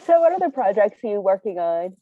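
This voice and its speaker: A woman's voice: medium pitch, big pitch swings, fairly quick, phone-quality sound. A woman hosting an interview in a playful, chatty way. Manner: playful, laughs easily. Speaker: podcast host. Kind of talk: casual interview chat.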